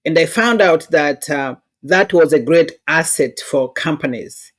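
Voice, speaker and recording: This diversity consultant, a woman with a Rwandan accent, talks in a low, unhurried voice. Appearing as an interview guest, she shares anecdotes and answers questions conversationally, earnest and instructive, her phrasing that of a non-native speaker.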